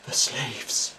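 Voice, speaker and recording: A man playing a hammy spoof psychic medium who speaks in halting, dramatic whispers and gasps in a comic mock documentary. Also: pushed and bright, distant mic, a little hiss or hum, full character voice. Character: hammy male stage psychic, breathy and theatrical.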